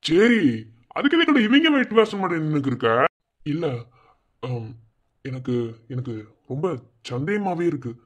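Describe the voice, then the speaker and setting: A worried village man, protective of his family, voiced by a man. He has a Madurai accent and a slightly raised pitch. He alternates between reassuring others and muttering over his suspicions. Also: very animated, normal speed, long pauses, highs cut off. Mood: suspicious. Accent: Madurai Tamil. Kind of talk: cartoon voice acting.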